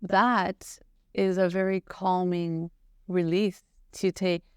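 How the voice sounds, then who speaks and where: A woman's voice: on the low side, little pitch movement, slow pace, darkish tone, clear, resonant tone, dry recording, clean studio sound. A woman guest on a podcast, earnestly telling a personal story with lots of "like" and "you know". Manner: earnest, searching, heavy use of "like" and "you know".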